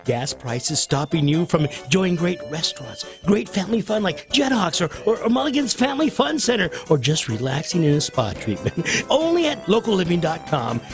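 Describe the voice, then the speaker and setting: Advert read: chirpy and breezy, gravelly tone, sing-song delivery, music clearly behind. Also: very animated, moderate pace. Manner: chirpy, breezy sales pitch. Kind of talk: radio-style advert read.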